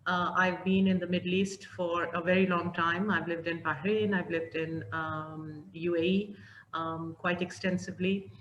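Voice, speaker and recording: A woman's voice: lowish voice, flat delivery, moderate pace, highs cut off. A woman from Pakistan, a company head, talking on an online webinar with lots of fillers and restarts. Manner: warm, with many fillers and restarts. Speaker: CEO of a training company, webinar panelist. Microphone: video call. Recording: echoey room, faint background noise.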